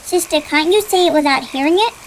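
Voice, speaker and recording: A woman's voice: high voice, a little fast, a little hiss or hum, poor audio. A woman voicing a curious young boy in a dubbed cartoon, who keeps asking why. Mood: curious, questioning. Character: curious inquisitive young boy, Abdul Bari.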